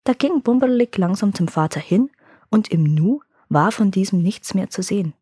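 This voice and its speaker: A woman reading a fairy tale aloud in a calm, lively storytelling manner that slows for suspense. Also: medium pitch, husky, no room sound, studio quality.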